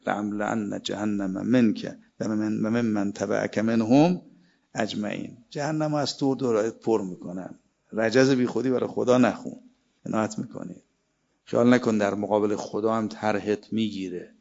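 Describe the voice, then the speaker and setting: A man's voice: lowish voice, steady tone, vocal fry, a little mellow. A man giving a religious sermon, reciting Arabic verses between emphatic stretches of preaching. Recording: dull lo-fi sermon recording.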